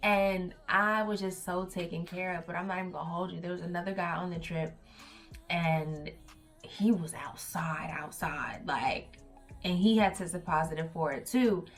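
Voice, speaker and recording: A young woman vlogger telling a casual storytime, animated and slangy, acting out the voices of people she quotes. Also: on the low side, normal speed, faint music behind.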